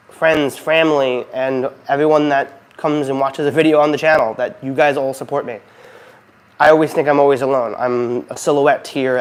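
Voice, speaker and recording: A man hosting a casual, unscripted update vlog, with a goofy, rambling manner that often interrupts itself. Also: mid-range voice. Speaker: video channel host. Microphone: recorded beside a noisy heating fan.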